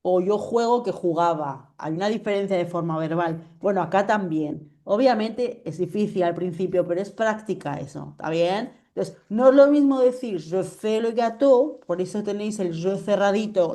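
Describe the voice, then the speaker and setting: Lady teacher on a video call, warm mellow voice, keeps asking if everyone follows. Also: medium pitch, moderate pace, few pauses. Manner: patient, checks understanding often. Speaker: French teacher. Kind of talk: online class explanation.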